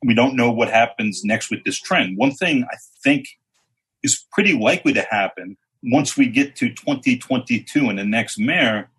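A man on a discussion panel who explains things in a measured and wry way. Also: mid-range voice, animated, fairly bright tone, breathy edge, low-quality recording. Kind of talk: casual political discussion.

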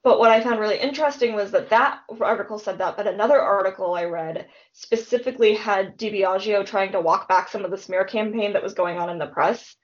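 A woman's voice: medium pitch, brisk, few pauses, lo-fi sound. A woman co-hosting a casual true-crime podcast, retelling the case in a chatty way with lots of fillers. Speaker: podcast co-host.

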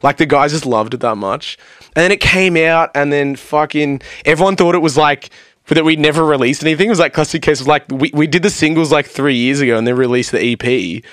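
A man's voice: on the high side, a little fast, no echo, studio quality. A young man, a podcast guest, telling stories in casual chat, swearing freely and acting out what people said. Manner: animated storytelling, swearing freely, acting out quotes.

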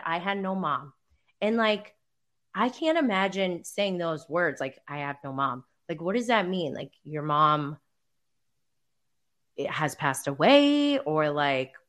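A young woman hosting a relaxed recap show, chatting casually with many fillers, laughing often and getting emotional. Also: mid-range voice. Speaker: podcast co-host recapping reality TV. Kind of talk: casual chat.

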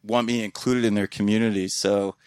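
A man's voice: lowish voice, flat delivery, brisk, darkish tone, smooth, dry recording, studio quality. A man who podcasts, talking to his community in a casual, heartfelt ramble, with frequent restarts and casual swearing. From Columbus, Ohio area. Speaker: podcaster speaking as a guest.

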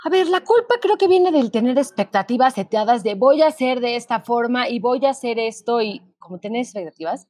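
A high-pitched woman, chatting candidly and animatedly on a podcast. She tells stories with quoted asides. Her voice sounds dry and close to the mic. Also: expressive, a little fast, hardly any pauses, darkish tone, no echo. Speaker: podcast co-host. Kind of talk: casual conversation.

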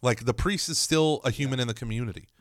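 A man's voice: medium pitch, fast, no echo. Emphatic man teaching on confession, dry mic. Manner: animated, emphatic, jokey storytelling. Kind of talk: conversational religious teaching.

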